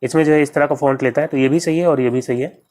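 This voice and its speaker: A man's voice: on the high side, fairly even intonation, quick pace, a little mellow. A man teaching an exam-prep grammar lesson, walking through each question step by step and repeating every answer and spelling.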